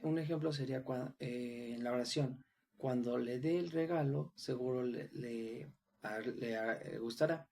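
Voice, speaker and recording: A man's voice: mid-range voice, warm tone, slight background noise. Hesitant man giving a class presentation. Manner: hesitant, with fillers and restarts. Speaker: student presenter.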